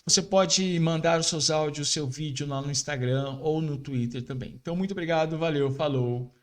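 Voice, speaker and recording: A man with a fairly high voice gives a casual video lesson on French pronunciation. He explains things informally and repeats French words slowly, over and over, so viewers can practice along. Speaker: French teacher.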